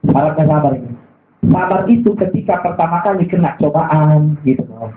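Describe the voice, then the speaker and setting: A man preaching a sermon with a Makassar Indonesian accent, telling stories with lively voiced quotes and humor. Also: a little high, normal speed, soft background music. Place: mosque or gathering hall. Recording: echoey hall, thin phone-like sound.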